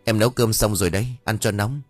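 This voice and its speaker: A man voicing a gentle young wife, talking in a soft, caring way. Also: fairly low pitch, fast, no echo, soft background music, close to an everyday voice. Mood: worried caring.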